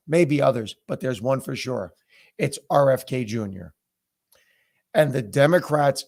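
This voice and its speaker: Hoarse, blunt man commentating. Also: medium pitch. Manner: blunt, emphatic. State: hoarse from a sore throat. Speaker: political commentator. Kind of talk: opinionated monologue to viewers.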